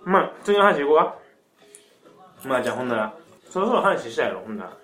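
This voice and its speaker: A man's voice: mid-range voice, very animated, fast talker, fairly bright tone. Tipsy Kansai man in an echoey room. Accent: Kansai Japanese. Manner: tipsy, loose drunken talk. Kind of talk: casual chat. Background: music.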